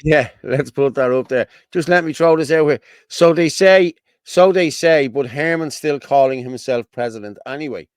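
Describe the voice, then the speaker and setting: With a mid-range, clean-toned voice in a dry recording, this Irishman co-hosts a laid-back livestream. He wanders from point to point while reading viewer comments, repeating himself and saying "you know what I mean" a lot.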